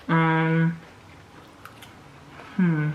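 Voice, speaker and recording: A woman's voice: deep voice, narrow, tinny audio. A woman in her twenties chatting casually with friends in a playful, teasing way. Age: 20s. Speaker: participant in a group mukbang chat. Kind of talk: casual chat among friends. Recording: roomy echo, faint background noise.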